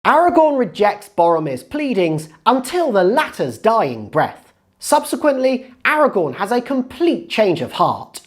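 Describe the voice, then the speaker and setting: Woman narrating with swooping, lively pitch. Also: measured pace. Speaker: narrator of a writing-tips video. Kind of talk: scripted narration.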